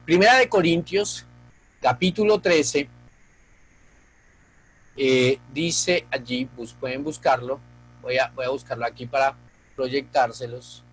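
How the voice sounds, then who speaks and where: A man's voice: mid-range voice, slow, pauses often, soft background music, low-quality recording. A male pastor preaching a sermon, earnest and speaking straight to the congregation.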